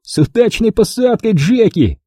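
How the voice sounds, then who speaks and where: A man's voice: high-pitched, big pitch swings, normal speed, warm tone, husky, no echo, clean studio sound, voice pushed up, full character voice. A man voicing a cocky boy who boasts and teases in a raised voice. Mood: mocking. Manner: boastful, teasing. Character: cocky mocking boy show-off.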